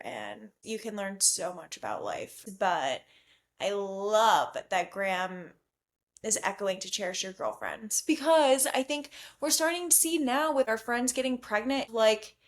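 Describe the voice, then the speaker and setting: A young adult woman hosts a casual podcast chat, speaking in a medium-pitched voice a little slowly. She gushes and uses lots of slang, peppering her talk heavily with "like".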